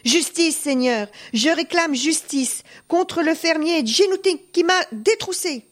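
A woman's voice: fairly high pitch, sing-song, moderate pace, pitched above the performer's own voice. Woman doing a pleading poor peasant. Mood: indignant. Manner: pleading, protesting. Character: poor honest male peasant, pleading and indignant.

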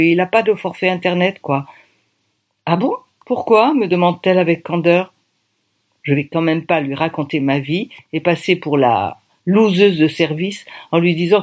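A woman reading a first-person novel aloud in a lively, conversational way. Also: on the low side. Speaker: audiobook reader.

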